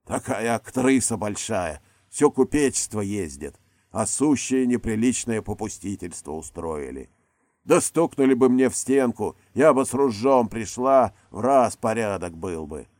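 A man's voice: on the low side, lively intonation, a little slow, a little mellow, dry recording, studio quality. A man voicing a blunt old peasant housemaid who scolds in a folksy, grumbling way.

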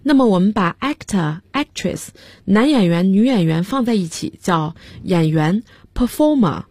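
Husky woman teaching English on radio. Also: medium pitch, animated, a little mellow, no echo. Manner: spells words out letter by letter, slow and careful. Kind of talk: radio English vocabulary lesson.

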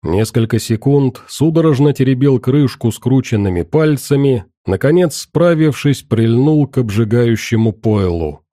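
Male narrator, grim measured first-person delivery, dark timbre, dead-dry booth. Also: medium pitch, lively intonation, dry recording. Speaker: audiobook narrator.

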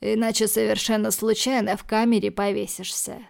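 A woman's voice: brisk, vocal fry. Woman voicing a cold, menacing tough guy. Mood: threatening. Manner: calm, threatening, low and clipped. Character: cold, menacing male hero, a tough man. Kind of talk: audiobook character voicing.

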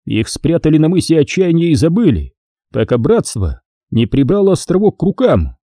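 Narrator voicing a blunt commanding general, dark husky voice, lively delivery, audiobook. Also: male voice, on the high side, normal speed, no echo, clean studio sound, voice pushed up. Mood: stern.

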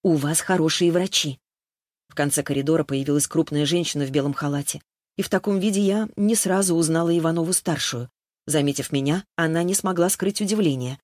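A woman's voice: sits low, steady tone, quick pace, a little mellow, no room sound. Lady reading a novel aloud, first-person story, dry close sound. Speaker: audiobook narrator. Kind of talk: first-person scripted narration.

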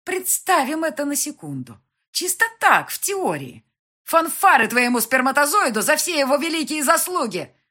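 A woman voicing a desperate young mother who shouts bitterly and mocks the man she is fighting with. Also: high voice, sing-song, moderate pace, voice pushed up, heavily acted. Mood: mocking.

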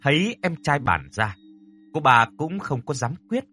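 A man narrating a ghost story in a scripted, expressive and dramatic storytelling style. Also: on the high side, unhurried, breathy edge, soft background music.

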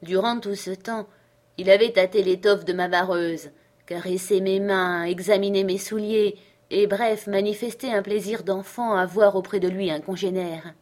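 A woman reading a classic adventure novel aloud as steady, clear narration. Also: mid-range voice. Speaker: audiobook reader. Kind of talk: scripted narration.

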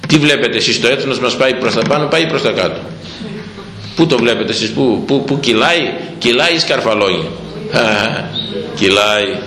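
A man's voice: medium pitch, animated, a bit bright. An older man, a priest, preaching a sermon with rhetorical questions to his congregation and repeating phrases for emphasis. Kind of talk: sermon on Proverbs. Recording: echoey room with faint background noise.

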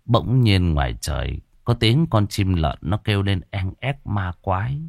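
A man narrating a ghost story in a lively, dramatic telling. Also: sits low, measured pace, gravelly, no echo, clean studio sound. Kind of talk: scripted narration.

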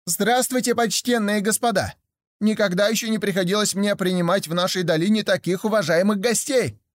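A man voicing a sly, polite male trickster hare in a storybook reading, smooth and mock-courteous. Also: high voice, a little fast, pitched above the performer's own voice, close to an everyday voice.

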